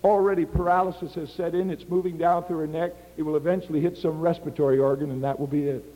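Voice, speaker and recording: Older male missionary preacher, lively storyteller, high voice, echoing sanctuary. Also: fast, highs cut off. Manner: animated storyteller acting out dialogue. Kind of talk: sermon with personal storytelling.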